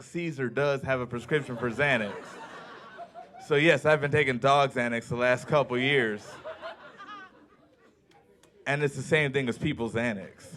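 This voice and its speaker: Deadpan man doing stand-up. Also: mid-range voice, a little hiss or hum. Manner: deadpan storytelling with acted-out quotes. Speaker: stand-up comedian. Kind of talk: stand-up set. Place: comedy club stage.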